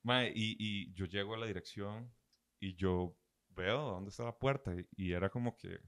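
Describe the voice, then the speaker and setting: A man's voice: lowish voice, normal speed, fairly bright tone, clear, resonant tone. A young man in his twenties with a Costa Rican accent, telling a rambling story in casual chat full of slang and filler tags.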